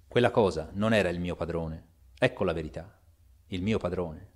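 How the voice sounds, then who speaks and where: A man's voice: sits low, moderate pace, voice pushed down. A man reading as an anxious, loyal old butler. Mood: fearful.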